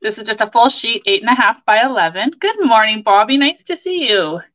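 A woman's voice: a little high, animated, fairly quick, fairly bright tone, highs cut off. A woman in her forties with a Canadian accent, chatting enthusiastically as she hosts a casual craft tutorial livestream from a home office. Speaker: craft demonstrator and livestream host. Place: small home office, indoors.

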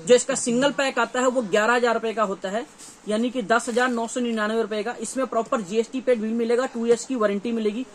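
Quick-paced and extremely high in pitch, with fairly even intonation, a North Indian-accented dealer in his thirties presents products to camera. The informal, repetitive showcase takes place in a small, cluttered indoor gear shop, with faint shop noise in the background.

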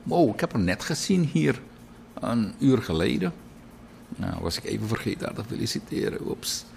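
Deep-voiced man reading birthday wishes. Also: moderate pace, gravelly, a little hiss or hum. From Suriname. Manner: chatty, lively, digresses into anecdotes. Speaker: radio and TV presenter. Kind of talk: birthday announcements on broadcast.

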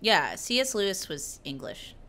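A woman's voice: medium pitch, big pitch swings, normal speed, a bit bright. A young woman co-hosting a casual podcast chat, giggly and full of fillers, slipping into mock voices for jokes. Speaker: podcast co-host. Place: lives in Buffalo, New York.

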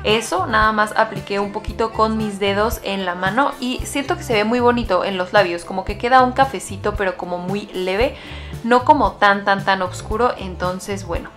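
A woman's voice: mid-range voice, normal speed, a bit bright, faint music behind. A young woman in her twenties chatting casually to camera as a beauty vlogger, gushing about her picks with many fillers and restarts. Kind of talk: casual makeup chat to camera.

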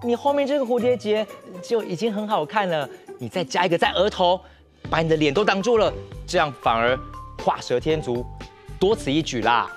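A man with a Taiwanese Mandarin accent presenting and telling stories to children in an expressive, explanatory way. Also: high voice, a little fast, soft background music. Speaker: children's show presenter and storyteller. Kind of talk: animated storytelling for children. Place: TV studio with painted forest set.

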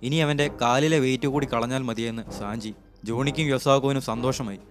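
A man narrating an anime episode recap as a scripted story, in a steady storytelling read on a close voice-over mic. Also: mid-range voice, quick pace. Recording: voice-over with clear music behind.

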